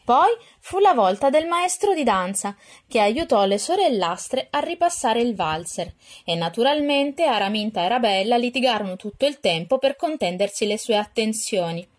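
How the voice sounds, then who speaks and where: Brief: woman storyteller, children's read-aloud, expressive and even. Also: fairly high pitch, moderate pace. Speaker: storyteller for a children's dance class.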